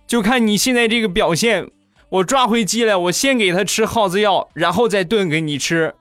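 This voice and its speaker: A man's voice: high voice, normal speed, fairly bright tone, dry recording, faint music behind, pitched above the performer's own voice. A man doing a cheeky little boy. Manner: cheeky, whiny child voice.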